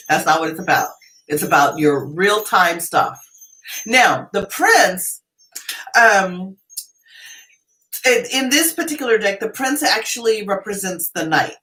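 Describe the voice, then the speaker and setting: A woman's voice: mid-range voice, fairly bright tone, low-quality recording. A woman in her fifties giving a live tarot reading, explaining the cards in a chatty, rambling way with everyday examples and frequent restarts. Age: 50s. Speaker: tarot reader.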